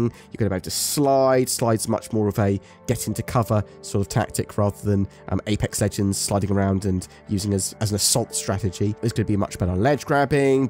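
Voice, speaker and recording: A man's voice: lowish voice, darkish tone. A man hosting a casual gaming update commentary, ill and talking through soreness, in an informal, rambling way. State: ill with covid, sore and painful to talk. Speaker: gaming video host. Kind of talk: casual scripted-notes commentary on game updates.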